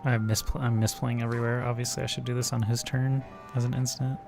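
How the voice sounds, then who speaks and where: Guy streaming a card game, gravelly voice, mumbling card names to himself, bit of music in the back. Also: medium pitch, level tone, quick pace. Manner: thinks aloud, muttering card names. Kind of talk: casual gameplay commentary.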